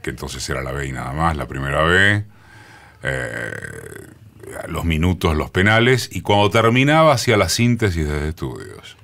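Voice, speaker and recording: A man in his sixties with a Rioplatense accent and a booming, forceful deep voice, telling his story in a radio studio interview with many pauses. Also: animated. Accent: Rioplatense Spanish. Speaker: radio journalist guest. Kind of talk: reminiscing interview talk.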